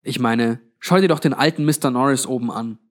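A man's voice: mid-range voice, a little fast, lightly acted. Guy doing a sulky young dude around twenty, sarcastic, mutters back at the old lady. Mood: mocking. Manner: mocking, sulky. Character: mocking sullen young man, about twenty.

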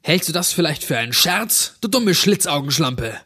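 A man voicing a furious, bigoted teenage boy who shouts insults. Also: a little high, big pitch swings, moderate pace, slightly rough, voice pushed up, full character voice.

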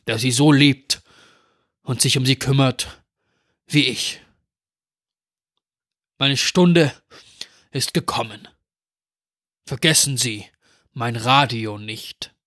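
A man playing a grieving old janitor, sharp-toned. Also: medium pitch. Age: older. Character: despairing elderly male school janitor and great-uncle. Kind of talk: dramatic storytelling reading.

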